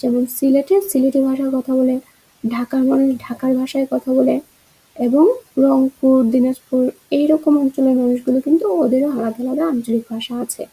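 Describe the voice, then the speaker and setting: Female teacher, high pitch, soft dark timbre, explains answers step by step. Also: level tone, a little fast, breathy edge, poor audio. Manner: explains answer choices, asks rhetorical checks. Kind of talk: exam-prep grammar lesson.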